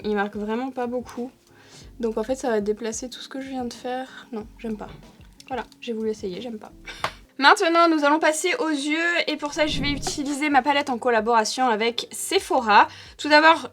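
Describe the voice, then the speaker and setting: A young woman with a slightly high voice chats her way through a makeup tutorial, pausing often to find her words. Faint music plays softly underneath her voice. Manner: chatty, thinks aloud with many fillers. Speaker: beauty vlogger.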